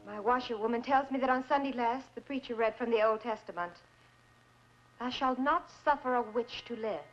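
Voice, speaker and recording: A woman's voice: on the high side, normal speed, natural voice. An actress playing a proud widow accused of witchcraft, speaking in a theatrical, declamatory old-fashioned way, in early 1960s film acting. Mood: accusing. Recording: dull lo-fi old film soundtrack.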